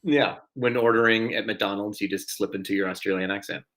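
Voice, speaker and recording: A man with a lowish voice hosts a live online trivia night. He chats loosely between questions, pokes fun at himself, and chuckles often as he reads out answers. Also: steady tone, fairly quick, fairly bright tone, rough recording. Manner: chatty and self-deprecating, frequent chuckles. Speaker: trivia host. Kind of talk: live-streamed trivia hosting.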